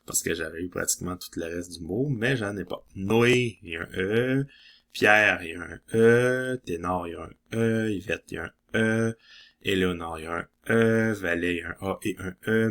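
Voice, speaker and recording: A man's voice: low-pitched, sharp tone. A man with a Québécois French accent chatting casually as he scratches lottery tickets, reading letters aloud and laughing often.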